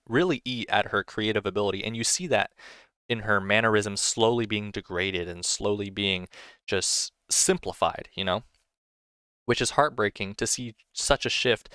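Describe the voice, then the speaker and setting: A man's voice: on the low side, pushed and bright, no room sound, studio quality. A young man talking casually about a film, enthusiastic and rambling, with frequent restarts and filler phrases. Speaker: film reviewer. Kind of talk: casual film review monologue.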